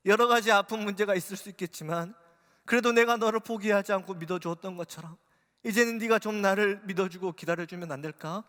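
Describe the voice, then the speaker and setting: A male pastor voicing Jesus as a gentle, pleading, loving father in a sermon. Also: high voice, fast talker. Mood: tender. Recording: long reverb of a church hall.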